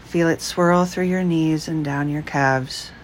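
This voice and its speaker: A woman leading a guided breath meditation, speaking slowly, calmly and softly. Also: low-pitched, a little hiss or hum, rough recording. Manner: slow, calm, soft-spoken.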